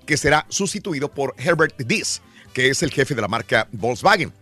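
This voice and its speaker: Man, radio host, lively swooping pitch, faint music behind. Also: normal speed. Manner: animated, shifts between news reading and joking. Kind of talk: lively radio show chat and news reading.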